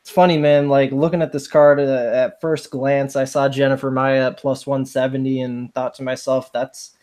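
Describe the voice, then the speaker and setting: A laid-back young man talks through fight matchups, easygoing and conversational, with "man" dropped in often. His voice has an ordinary middle pitch for a man. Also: little pitch movement, moderate pace, a little mellow. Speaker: podcast co-host making fight picks. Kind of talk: casual chat.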